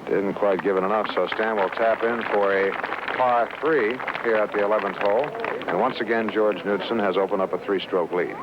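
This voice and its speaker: A man giving live golf commentary outdoors in a folksy, conversational way, often hushed near the putt. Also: lowish voice, fairly even intonation, normal speed. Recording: dull old broadcast, loud outdoor noise.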